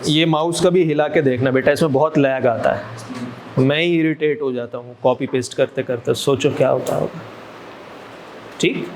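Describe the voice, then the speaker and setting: A man giving a medical college lecture, slowly repeating key terms and quizzing his students as he goes. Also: a little high. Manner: slow, drawn-out emphasis, repeats key terms, quizzes students and calls them "beta". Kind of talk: classroom lecture mixing Hindi and English. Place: lecture room. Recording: noisy lecture recording.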